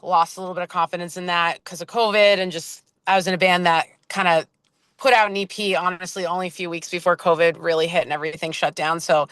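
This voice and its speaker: A woman's voice: on the low side, a bit bright, smooth, no echo. A woman musician chatting casually in an interview, rambling with many fillers and restarts. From Boston area, US. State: just woke up from a nap. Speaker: band member, interview guest.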